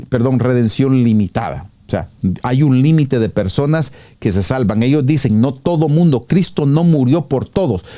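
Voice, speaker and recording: Pastor teaching verse by verse, mellow. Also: male voice, mid-range voice. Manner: reads verses aloud and rebuts, asks rhetorical questions. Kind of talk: teaching sermon.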